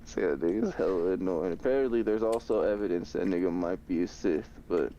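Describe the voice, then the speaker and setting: A man's voice: low-pitched, brisk, mellow, highs cut off, slight background noise. A young man streaming a game, chatting casually in laid-back slang and laughing often. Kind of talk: casual chat while gaming.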